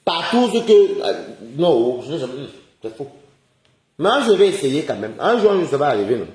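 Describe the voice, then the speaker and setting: A man's voice: on the high side, sing-song, fast. A man ranting indignantly on a casual live stream, firing off rhetorical questions and chuckling often. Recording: roomy echoey recording.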